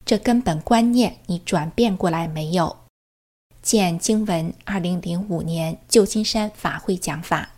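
A woman's voice: fairly low pitch, unhurried, a little mellow. A woman giving an earnest personal testimony, telling her story and quoting what others said to her. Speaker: religious practitioner sharing her experience.

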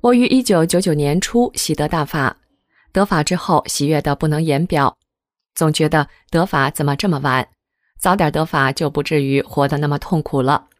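A woman reading a first-person article aloud in a steady, measured way. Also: low voice, no room sound, clean studio sound. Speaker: article reader. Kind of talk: scripted reading of a testimonial article.

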